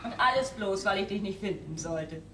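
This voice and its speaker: A woman's voice: mid-range voice, lively intonation, a bit bright, slight background noise, close to an everyday voice. An actress playing a clingy, theatrical young woman, pleading and reproachful, recorded live on a roomy stage from a distance. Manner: pleading, theatrical, quick to tears. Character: clingy, dramatic young woman, jilted girlfriend.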